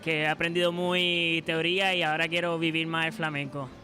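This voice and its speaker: A man's voice: a little high, little pitch movement, a little fast, bright, forceful tone. A young man with a Puerto Rican Spanish accent, a guitar student answering interview questions hesitantly and searching for words. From Puerto Rico. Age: young adult.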